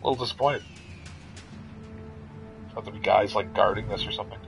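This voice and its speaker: A man's voice: lowish voice, fairly even intonation, brisk, gravelly, over music, rough recording. A man giving casual let's-play commentary as a gamer, joking and muttering asides with some swearing.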